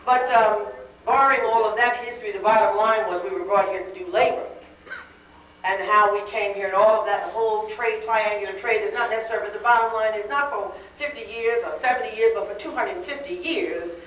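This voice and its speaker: A woman's voice: medium pitch, fairly even intonation, fairly quick, fairly bright tone. Woman speaking on a worn tape copy. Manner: wry, conversational speechmaking. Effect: worn VHS tape copy. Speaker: dinner speaker. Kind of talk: public speech. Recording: hissy worn tape, echoey hall from far off.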